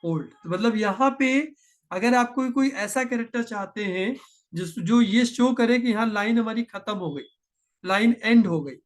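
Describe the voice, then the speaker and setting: In a screen-share programming tutorial, a man with a high-pitched voice explains patiently step by step, slowing down to dictate code and mixing in terms.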